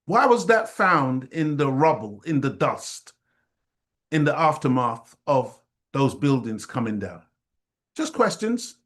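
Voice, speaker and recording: A man's voice: mid-range voice, sing-song, fairly bright tone. A male host giving casual, reflective commentary on a lecture being played. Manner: unhurried, reflective asides. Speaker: study group host.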